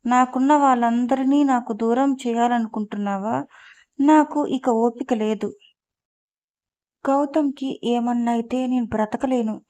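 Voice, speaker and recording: A woman's voice: fairly high pitch, steady tone, a little slow, dark tone, close to an everyday voice. A woman reading a storybook part of a heartbroken young woman who pleads through tears. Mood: tearful pleading. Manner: tearful, pleading.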